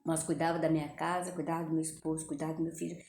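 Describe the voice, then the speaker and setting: Brazilian woman vlogging from her kitchen, lowish voice, chatty and talks right to the viewers, roomy echo. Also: level tone, very fast, vocal fry, a little mellow, a little hiss or hum. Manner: chatty, addresses viewers directly, frequent religious phrases. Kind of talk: casual chat to viewers. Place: home kitchen. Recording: echoey room with faint ambience.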